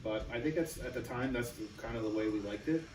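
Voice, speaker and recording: A man's voice: medium pitch, quick pace, darkish tone, a little hiss or hum. A man in a casual interview, explaining things in a thoughtful way. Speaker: band member. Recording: roomy, distant mic, faint music.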